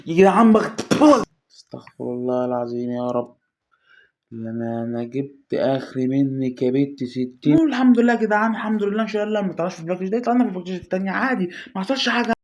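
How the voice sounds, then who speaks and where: Rapid-fire Egyptian gamer guy. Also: fairly high pitch. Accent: Egyptian Arabic. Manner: anxious, pleading, swings between groans and shouts. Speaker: gaming YouTuber. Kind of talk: excited pack-opening commentary.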